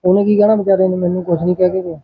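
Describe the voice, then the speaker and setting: A man's voice: high-pitched, flat delivery, rapid-fire, creaky, breathy edge, no echo, full character voice. Man as a meek henpecked village husband. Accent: Punjabi. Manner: meek, placating. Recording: dull lo-fi sound.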